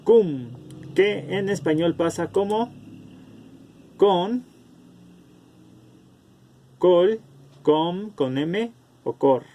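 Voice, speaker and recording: A man teaching an online class over a video call, explaining slowly and calling on students by name. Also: sits high, animated, warm tone.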